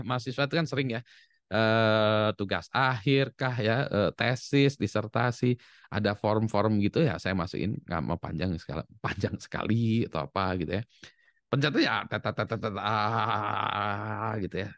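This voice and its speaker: A man giving a relaxed, conversational university lecture, tagging his sentences with little asides. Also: medium pitch, no echo, clean studio sound. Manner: loose and conversational, tags sentences with 'ya'. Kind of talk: casual classroom lecture.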